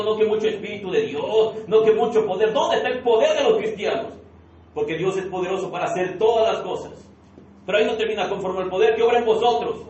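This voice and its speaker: Calling the congregation his beloved brothers, a man preaches a passionate sermon in a church sanctuary and keeps hammering at them with rhetorical questions. His pitch sits high with a slightly mellow quality, over slight background noise. The audio is dull and lo-fi, recorded from afar in a reverberant room.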